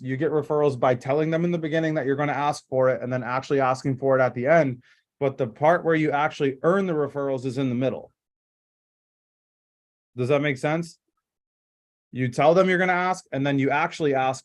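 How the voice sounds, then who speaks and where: Over a group video call, a man with a mid-range voice runs a casual sales training. He talks in emphatic, rambling bursts full of fillers and restarts.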